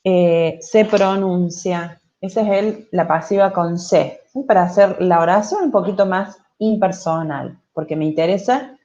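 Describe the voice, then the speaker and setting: A woman's voice: lowish voice, warm tone, highs cut off. A Spanish-speaking woman teaching English in an online class, explaining patiently and checking in with her students. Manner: slow, patient, asks for checks with "¿sí?" and "¿ok?".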